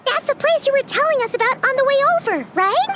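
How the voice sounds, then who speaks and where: Chirpy and quick-paced, a woman performs an extremely high voice with lively intonation for a tiny, cheerful, food-obsessed companion character who speaks of herself in the third person. It's a game cutscene, with music playing under the audio.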